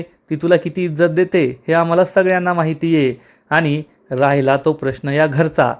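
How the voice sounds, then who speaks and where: A man reading the lines of an angry, sharp-tongued woman in a TV serial recap, in a raised, mocking voice. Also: close to an everyday voice. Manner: shrill, mocking.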